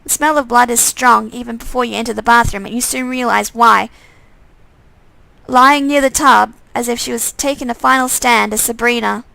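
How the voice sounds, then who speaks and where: A woman streamer reading game text aloud, her voice on the high side with a gravelly fry. The recording is dry and close. She narrates steadily in the second person. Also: fairly even intonation, moderate pace, sharp tone, dry recording, low-quality recording. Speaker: streamer reading a visual novel.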